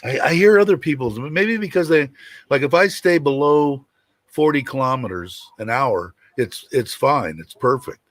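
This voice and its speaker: A man with a deep, rumbling voice hosting a casual livestream, rambling and hesitant as he chats. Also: lively intonation, moderate pace, no echo. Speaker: host of a livestream show.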